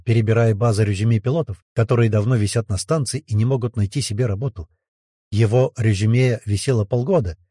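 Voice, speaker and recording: A man giving steady first-person scripted narration of a science fiction audiobook. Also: medium pitch, slightly rough, no echo, clean studio sound.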